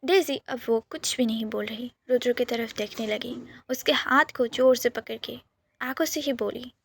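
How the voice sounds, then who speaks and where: High-voiced woman narrating a story. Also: normal speed, breathy edge.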